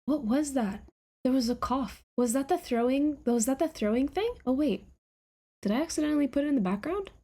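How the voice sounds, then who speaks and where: Woman streamer, light higher voice, laughing and rambling through casual reaction chat. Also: expressive, fairly quick, mellow. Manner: giggly, scattered, self-mocking chatter. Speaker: streamer reacting to her old videos.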